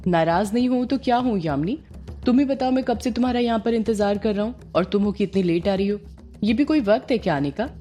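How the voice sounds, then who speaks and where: A woman's voice: fairly low pitch, animated, brisk, dark tone, natural voice. A woman voicing a sulky, lovestruck young man in an audio story, complaining in a pouting way.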